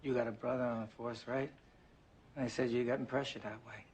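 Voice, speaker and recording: An actor playing a hardened undercover cop in a crime drama, terse and streetwise. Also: male voice, mid-range voice, steady tone, fairly quick, darkish tone, slight background noise, natural voice.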